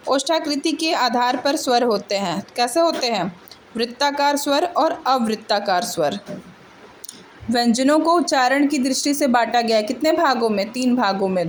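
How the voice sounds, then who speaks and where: A woman's voice: high-pitched, animated, normal speed, a little hiss or hum. A woman teacher going through multiple-choice exam answers, asking each question aloud and answering it herself, with frequent checks of "okay". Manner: repeats answers and adds "ठीक है" checks.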